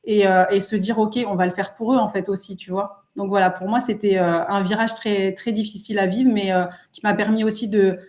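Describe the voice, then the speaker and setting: A woman's voice: mid-range voice, steady tone, brisk, few pauses, darkish tone. A woman, a guest speaking earnestly and reflectively in a casual interview. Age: 30s. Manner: earnest, reflective, many fillers. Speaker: guest entrepreneur.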